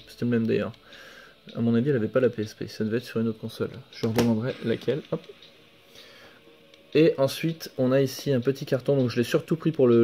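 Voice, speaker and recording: A young man casually showing off his flea-market finds in a home vlog, relaxed and hesitant, full of fillers and self-corrections. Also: medium pitch. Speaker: video game collector vlogger. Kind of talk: casual show-and-tell vlog. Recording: faint background music.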